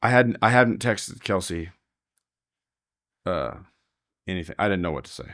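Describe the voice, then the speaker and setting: Animated man telling stories, dry sound. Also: low-pitched, normal speed, dry recording. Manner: animated retelling, acting out quoted talk; frequent laughter, restarts. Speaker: podcast guest, rodeo heeler. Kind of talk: casual storytelling in a podcast interview.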